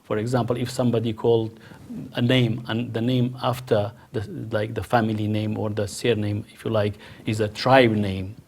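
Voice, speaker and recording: A man's voice: fairly low pitch, level tone, normal speed, vocal fry, darkish tone. A middle-aged man from the Kurdish region of Iraq, speaking as a panel guest in a hesitant way, with many restarts and fillers. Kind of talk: panel discussion.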